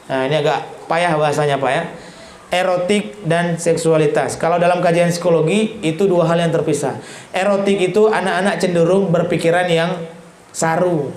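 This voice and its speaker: Lively, high-voiced male parenting lecturer. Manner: acts out parents and teens in quick dialogue; lively, pitch jumps up and down. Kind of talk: Islamic parenting talk. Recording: echoey hall with faint noise.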